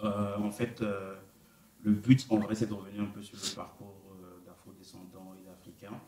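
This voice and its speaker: A man's voice: on the low side, little pitch movement, moderate pace, very noisy. A man hosting a podcast interview, talking casually with lots of hesitations and fillers. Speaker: podcast host.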